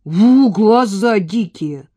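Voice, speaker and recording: Audiobook: woman doing jeering teenage boys, pitch jumping high. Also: animated, very slow, dark tone, breathy edge, heavily acted. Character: rowdy teenage boys, cheeky and mocking.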